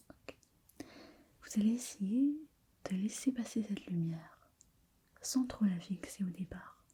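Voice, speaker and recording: A woman in a whispered role-play as a gentle sleep doctor, hushed and quiet as if at night, soothing and lulling as she softly repeats words. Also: medium pitch. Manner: hushed, quiet night-time bedtime delivery.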